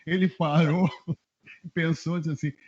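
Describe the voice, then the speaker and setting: A middle-aged man from southern Brazil, a journalist guest telling animated anecdotes in a casual interview and chuckling often. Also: on the high side, unhurried, slightly rough. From Rio Grande do Sul, Brazil. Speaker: journalist guest, press adviser. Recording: dull lo-fi web radio audio.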